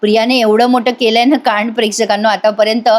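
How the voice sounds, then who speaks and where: A woman with a high voice recaps a TV serial episode in a chatty voice-over. She talks straight to her listeners and acts out the characters' lines as she goes. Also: little pitch movement, quick pace. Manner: chatty, addresses listeners directly. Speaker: TV serial reviewer. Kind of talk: voice-over episode review, retelling scenes.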